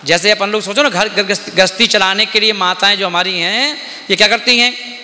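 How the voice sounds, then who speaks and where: A man's voice: high-pitched, steady tone, fairly quick, pushed and bright. A man, a Jain monk, giving a sermon. He keeps asking "है ना?" and acts out everyday scenes. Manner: repetitive, asks "है ना?" often, acts out everyday scenes. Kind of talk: Hindi sermon. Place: dharmshala hall. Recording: long hall reverb.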